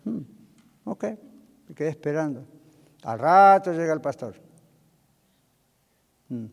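Older male preacher, emphatic and anecdotal, somewhat high-pitched, recorded with a long hall echo. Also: lively intonation, moderate pace, vocal fry. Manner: storytelling preacher, acting out dialogue, emphatic. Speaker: pastor. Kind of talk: sermon.

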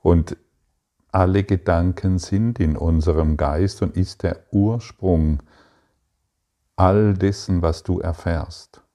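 A man giving a spiritual teaching, reading passages aloud and answering his own rhetorical questions in a deliberate way. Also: low-pitched, steady tone, warm tone.

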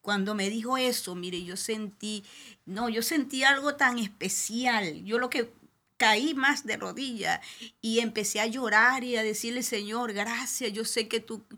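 A woman's voice: a little high, measured pace, bright, forceful tone. A middle-aged woman, a pastor's wife, telling a personal testimony with emotion and many restarts.

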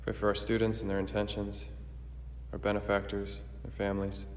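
Man, priest at the altar, solemn liturgical prayer, even intonation, measured and formal, long cathedral echo. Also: fairly low pitch, a little hiss or hum. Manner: measured, reverent, formal recitation. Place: large echoey church.

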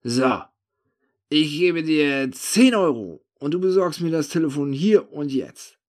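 A man voicing his own drunk, furious younger self, slurring and shouting. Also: on the high side, takes it slowly, voice pushed up.

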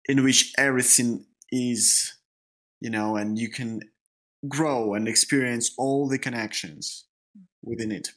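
In a rough recording, a heavily Russian-accented podcast co-host discusses spiritual topics, pausing often and repeating words as he gropes for phrasing. A native Russian speaker, he has a steady, slightly bright mid-range voice.

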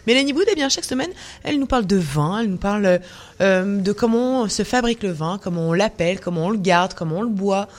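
Woman hosting radio chat, mid pitch, quick reactions, trips over her questions. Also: animated. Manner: interjects short reactions, stumbles on questions. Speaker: radio host.

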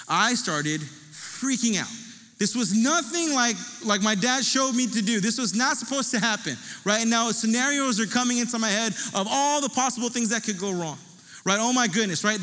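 A man preaching with a high, bright and forceful voice, telling his story with animated energy. The long church hall reverb rings out behind every phrase. He keeps pulling listeners in with a quick "right?". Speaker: pastor. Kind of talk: sermon with personal storytelling. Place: church sanctuary.

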